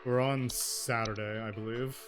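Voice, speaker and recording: A man's voice: mid-range voice, fairly even intonation, normal speed. Blunt man casually commentating a game. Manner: blunt, slangy, wry. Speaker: gamer commenting on his playthrough. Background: game music.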